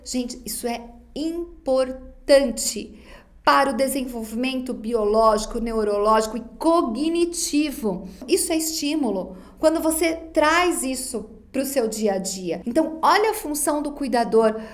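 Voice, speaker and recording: High-voiced woman lecturing. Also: lively intonation, measured pace. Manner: didactic, addresses students directly, acts out parents' baby talk. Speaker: psychology lecturer. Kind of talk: recorded online lesson.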